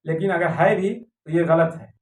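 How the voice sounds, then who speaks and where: A man's voice: a little high, fairly even intonation, moderate pace, far from the mic, slight background noise. Indignant man speaking in an echoey room. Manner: rambling, indignant, repeats phrases for emphasis. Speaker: video commentator. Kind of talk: casual opinion monologue.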